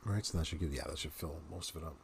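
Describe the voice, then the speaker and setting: A man's voice: a bass voice, very fast, vocal fry, slight background noise. A man in his thirties, a game streamer, chatting casually to viewers and laughing often as he plays. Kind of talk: casual gameplay commentary.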